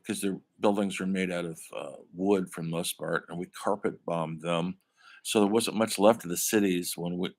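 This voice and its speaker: An older man giving a classroom film lecture in a conversational way, calling his students folks. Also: deep voice. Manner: conversational, addresses listeners as folks. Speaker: college film instructor.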